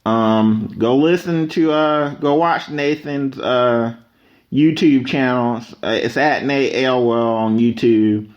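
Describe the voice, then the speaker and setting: A man's voice: medium pitch, takes it slowly. A man talking casually and unscripted as a solo podcast host, with rambling conversational asides. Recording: slightly dull, lo-fi microphone audio.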